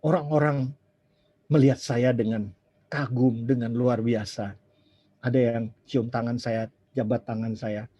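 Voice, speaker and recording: A man's voice: medium pitch, fairly even intonation, a little slow, warm tone, slightly rough, dry recording. A man, preaching a sermon as a chatty story, acting out dialogue and dropping in English phrases. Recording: dull lo-fi sermon recording.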